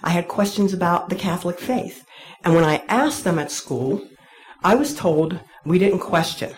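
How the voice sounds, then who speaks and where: A woman's voice: on the low side, lively intonation, moderate pace. Woman telling a candid faith story. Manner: candid, wry storytelling with self-deprecating humor. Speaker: speaker sharing a personal faith story. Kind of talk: personal testimony told to an audience.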